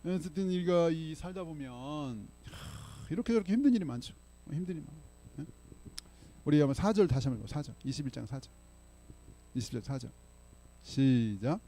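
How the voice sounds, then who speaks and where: Speaking fast and expressively in a fairly high, warm voice, an older pastor preaches to his congregation in a church sanctuary. His sermon is told as chatty stories, and he often pauses to ask "예?"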